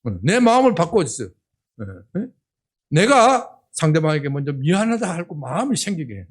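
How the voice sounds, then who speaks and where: An older man, a senior pastor with a Gyeongsang accent, preaching a sermon in a church in a humorous, animated way and often checking in with the congregation. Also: a little high, a little fast. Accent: Gyeongsang Korean. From Gyeongsang region of Korea. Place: church sanctuary.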